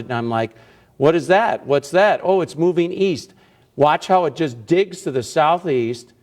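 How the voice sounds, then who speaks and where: Male TV meteorologist tracking storms live. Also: a little high. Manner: short, emphatic phrases. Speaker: chief TV meteorologist. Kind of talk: live weather commentary at the radar.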